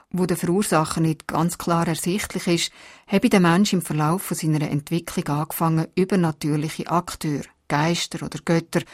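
Woman, scripted radio narration, slightly low voice, dry studio sound. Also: darkish tone, no room sound. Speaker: radio reporter.

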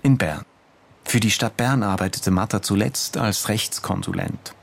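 Man, radio host, scripted narration, measured, lowish voice. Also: creaky. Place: home office.

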